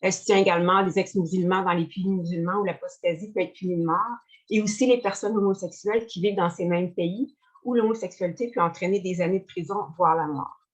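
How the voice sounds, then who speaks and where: A woman's voice: fairly low pitch, fairly even intonation, fast, dull audio. Woman hosting a webinar. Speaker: webinar host. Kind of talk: formal scripted introduction.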